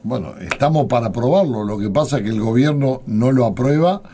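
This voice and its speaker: A man with a Uruguayan accent, a guest in a radio interview, answering in a measured, deliberate way with many pauses. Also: mid-range voice, expressive, dark tone, slight background noise. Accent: Uruguayan Spanish.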